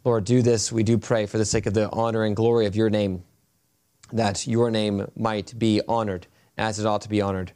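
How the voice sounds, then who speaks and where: A man pastor speaking at a pulpit microphone in a church, reading scripture and praying in an earnest, measured way, with halting fillers in his prayer. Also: on the low side, level tone, darkish tone. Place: church sanctuary, indoors.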